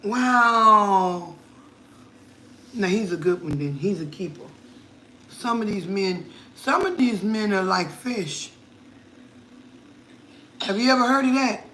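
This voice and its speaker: Middle-aged woman vlogger, unhurried and bright, playful, laughs a lot. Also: medium pitch, animated, slight background noise. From Connecticut, USA. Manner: chatty, playful, laughs often. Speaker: cooking vlogger. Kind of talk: casual live chat.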